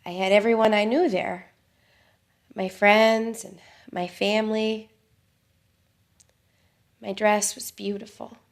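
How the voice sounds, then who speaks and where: A creaky-voiced dreamy bride. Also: female voice, mid-range voice, steady tone, slow pace, long pauses. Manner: dreamy, soft-spoken reminiscing. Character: wistful woman fixated on her perfect wedding.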